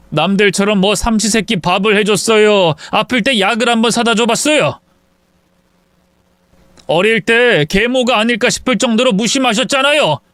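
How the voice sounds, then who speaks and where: Man playing a grown son, blunt, strained, smooth fairly high voice. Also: dry recording. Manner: pleading, then sharp and blunt.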